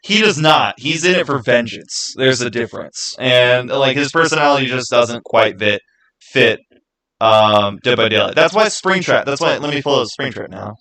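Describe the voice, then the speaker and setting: A man hosts a casual, unscripted gaming commentary video, giving his opinions emphatically and repeating phrases to drive them home. His medium-pitched voice is expressive with a sharp tone, moving at a moderate pace.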